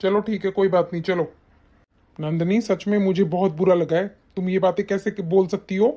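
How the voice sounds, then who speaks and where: A woman voicing a caring young elder brother in an animated family story, concerned and questioning. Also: medium pitch, moderate pace, lightly acted. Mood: disappointed. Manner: concerned, questioning, raises voice when upset.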